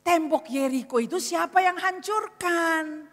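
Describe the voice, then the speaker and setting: A woman voicing a male pastor who asks questions slowly and patiently in a sermon story. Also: very high voice, voice pushed up. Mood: puzzled. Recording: reverberant church hall.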